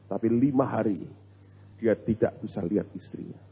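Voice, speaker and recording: A male pastor, preaching in an animated, humorous storytelling way and talking straight to his congregation. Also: lowish voice, moderate pace, slight background noise. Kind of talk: storytelling sermon. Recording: muffled recording in a reverberant hall.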